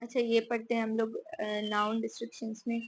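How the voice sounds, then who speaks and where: In a completely flat, fairly quick delivery, a slightly high-voiced teacher from Pakistan walks through English grammar informally. She peppers the lesson with "theek hai" and rhetorical check-in questions.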